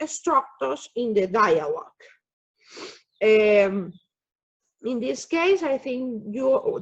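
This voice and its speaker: A woman teaches English grammar over an online class, speaking slowly and patiently. Her voice is husky and slightly high, and the audio is dull and lo-fi from a computer mic. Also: a bit bright. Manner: slow, patient explaining with frequent "okay?" checks. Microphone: computer mic on a video call.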